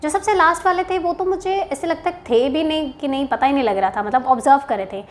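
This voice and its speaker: A young woman from Haryana tells her interview story in a chatty, casual vlog. Her voice sits high, and she keeps slipping English phrases in with quick asides to her viewers. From Haryana, India. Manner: chatty, mixes Hindi and English, frequent "theek hai" asides. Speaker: bank officer sharing interview experience.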